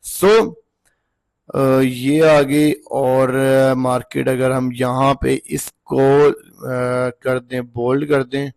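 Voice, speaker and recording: A man with a slightly hoarse voice from long talking, giving a casual, chatty trading lesson while walking through a chart on screen and checking in with the viewer often. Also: medium pitch, level tone, extremely slow, darkish tone. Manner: chatty, repeats checks like "okay ji" and "look". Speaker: trading instructor.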